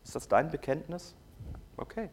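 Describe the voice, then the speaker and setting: This is a preacher in full sermon mode who keeps putting questions to the congregation. Key words get drawn out slowly and loudly, then the voice drops to a soft, confiding murmur before the next question. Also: medium pitch, expressive, husky. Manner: rhetorical questions, checks in with "ja?"; swings from loud to soft, drawing out key words.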